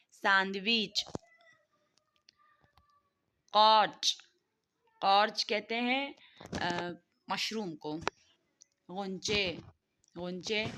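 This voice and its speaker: A woman leads a vocabulary lesson in a bright, clear voice. She says each word slowly and carefully, then adds quick explanations. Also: medium pitch. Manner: slow, deliberate pronunciation of vocabulary words, then quick explanations. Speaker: Persian language teacher. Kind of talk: language lesson, reading words aloud and explaining.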